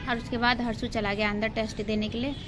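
A woman's voice: fairly high pitch, flat delivery, quick pace, background noise. A woman vlogger chatting casually with her viewers while out and about, filming on a handheld phone. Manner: chatty, addresses viewers as friends. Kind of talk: casual vlog chat. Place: outdoors at a park and school gate.

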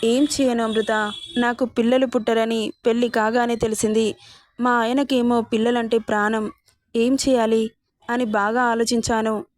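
A calculating older sister who is smooth and persuasive, voiced by a woman narrator. The voice sits fairly high, and the recording is dry and close. It sounds like a story being read aloud, without a distinct character voice. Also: level tone, moderate pace, a little mellow, no echo, lightly acted.

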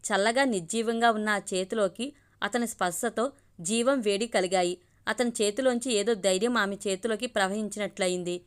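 Woman storyteller, mid-pitched, steady audiobook narration. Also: smooth.

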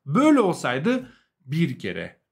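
Türk aksanlı, tiz sesli, iniş çıkışlı erkek öğretmen. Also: male voice, fairly high pitch, wildly swooping pitch, takes it slowly, vocal fry, darkish tone. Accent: Turkish. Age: young adult. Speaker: language teacher, host. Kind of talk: live lesson, explaining and translating.

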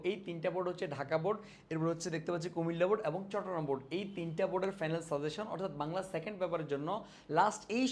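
A young man teaching a casual exam-prep lesson, chatty, speaking straight to his students and mixing in English words. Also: sits high.

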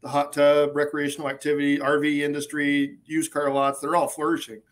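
A business consultant in his forties speaks as a guest on a video call in a casual interview chat, sounding upbeat and matter-of-fact. His voice is a little high and a little fast, with a completely flat delivery. He's in an indoor office, picked up by a webcam.

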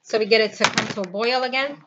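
Her voice slightly high and quick, a woman in her thirties chats casually through a home cooking vlog, explaining each step while her hands are busy. She's indoors in her kitchen, picked up by a built-in camera or phone mic within arm's reach, with dull lo-fi audio, loud noise and clicking.

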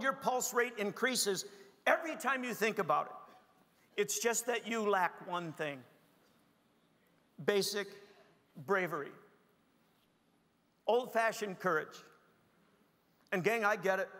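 Man, pastor, high bright voice, earnest exhortation, reverberant hall. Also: unhurried, pauses often. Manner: earnest, exhorting, addresses audience as gang. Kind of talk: leadership sermon.

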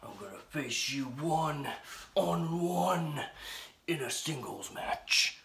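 A man playing a cocky, ranting comic pro wrestler in a theatrical wrestling promo, gravelly and swinging between hoarse whispers and shouts. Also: on the high side, slow pace, full character voice. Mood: boastful menace. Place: small bedroom, indoors.

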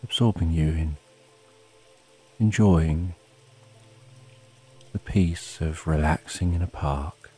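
A man narrating a bedtime sleep story in a calm, soothing, unhurried way with long pauses, as a sleep story narrator. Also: rumbling low, breathy edge, soft background music. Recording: soft rain behind the voice. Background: rain.

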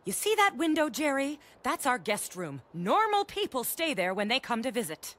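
A woman's voice: high-pitched, very animated, moderate pace, a bit bright. A woman voicing a frazzled middle-aged mother in a cartoon, harried and snappish. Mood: exasperated. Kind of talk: animated cartoon voice acting.

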